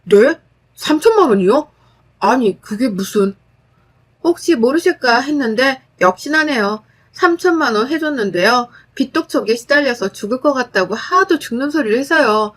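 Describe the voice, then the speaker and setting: A woman with a high voice narrates a dramatic first-person story. Her delivery is blunt and firm, sharp-tongued when she argues. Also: animated, moderate pace.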